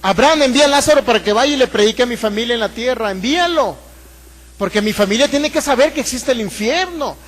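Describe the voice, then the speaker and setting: A man's voice: very high voice, lively intonation, fast talker, fairly bright tone. A desperate rich man in hell, as a Mexican preacher puts him on. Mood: pleading. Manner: pleading, urgent. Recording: long hall reverb.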